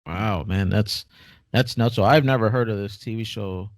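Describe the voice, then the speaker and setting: A man's voice: fairly low pitch, moderate pace, no room sound, studio quality. A man co-hosting a podcast, chiming in with short, easygoing reactions and questions in casual chat. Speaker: podcast co-host.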